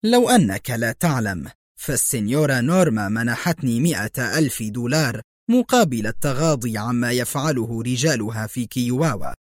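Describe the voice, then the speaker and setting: A man voicing a greedy, nervous male prison boss who wheedles and turns shrill when angered, in a storybook reading. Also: no room sound, clean studio sound, lightly acted.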